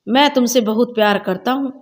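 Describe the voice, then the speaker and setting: A woman voicing an earnest young man who speaks softly and pleadingly to the girl he loves, in a storybook reading. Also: very high voice, brisk. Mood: tender. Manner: soft, pleading and affectionate.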